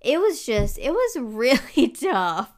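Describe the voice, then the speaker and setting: A young woman co-hosting a podcast, chatting casually and acting out her toddler's voice in high squeals as she tells family stories. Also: big pitch swings, slow. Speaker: podcast co-host. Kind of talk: casual chat.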